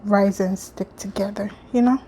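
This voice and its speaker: Chatty woman home cook, mellow voice. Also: medium pitch, steady tone, moderate pace, a little hiss or hum. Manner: chatty, lots of fillers, addresses viewers as guys; talks with mouth full at times. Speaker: home cooking vlogger. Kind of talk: casual cooking vlog.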